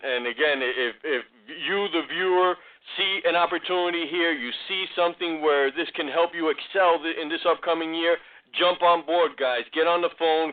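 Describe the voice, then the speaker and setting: A man with a New York accent hosting a call, halting and repeating words as he urges viewers to join. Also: on the high side. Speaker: host. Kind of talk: phone call pitch. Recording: tinny phone line.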